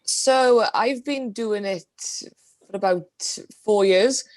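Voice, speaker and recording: A woman's voice: mid-range voice, slow pace, darkish tone, no echo. A woman in her twenties with a Welsh Valleys accent, chatting casually and telling anecdotes in an interview on a video call. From Wales, the Valleys. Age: 20s. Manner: informal, anecdotal storytelling. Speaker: guest, DJ. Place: small indoor room at home, video call.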